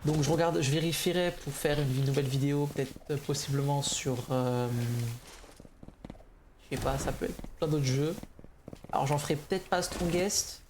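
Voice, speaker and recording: A man's voice: fairly high pitch, moderate pace. Hesitant young man rambling over background noise. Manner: hesitant, rambling, often restarting sentences; slightly nervous, neutral delivery. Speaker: gaming video creator updating viewers. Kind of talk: casual unscripted channel update. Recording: clear background noise, clicks.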